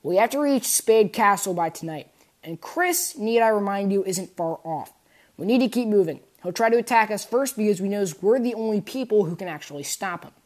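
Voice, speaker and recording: A woman's voice: medium pitch, animated, fairly quick, darkish tone, lightly acted. A woman voicing an earnest, determined young boy hero who talks insistently in a read-aloud fan story.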